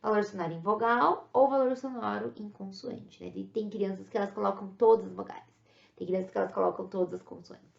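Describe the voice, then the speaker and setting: A Brazilian woman teacher giving a recorded lecture, explaining step by step and often checking in with a quick "né?". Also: medium pitch, gravelly. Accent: Brazilian Portuguese. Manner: explanatory, frequent "né?" tag questions. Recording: echoey room, dull lo-fi sound.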